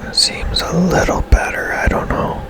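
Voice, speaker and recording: A man hosts a gaming ASMR video, whispering commentary while he plays. He speaks in a hushed, unhurried way, thinking aloud as the game goes on.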